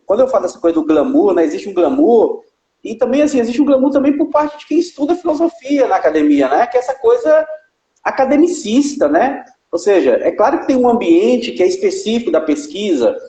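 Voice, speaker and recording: A man hosting a relaxed talk over beer, speaking quickly and animatedly about academic life. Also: high voice, roomy sound, rough recording. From Brazil. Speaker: podcast host. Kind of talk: casual conversation over beer.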